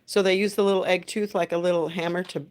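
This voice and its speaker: A woman's voice: lowish voice, fairly even intonation, quick pace. A middle-aged woman hosting a family livestream, chatting casually and patiently with her children. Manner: gentle, patient, coaching tone with kids.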